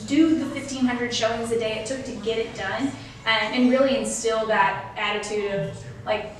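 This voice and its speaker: A young Texas woman, a real estate agent appearing as a guest, chats in an upbeat, talkative way during a casual interview and laughs often. Her voice is on the high side and a bit bright. She's off-mic and distant in an echoey room with slight background noise.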